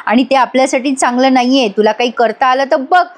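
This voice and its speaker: A woman's voice: high voice, fast talker, close to an everyday voice. A woman doing a scheming wife. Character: scheming woman egging on her husband.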